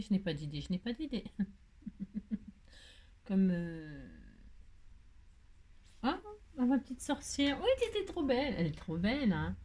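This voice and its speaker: Hosting a relaxed craft tutorial, a French woman with a medium-pitched, slightly mellow voice talks hesitantly, laughing at herself and filling gaps with "euh" and "hein." She comes across as chatty. Faint background noise and clicks can be heard.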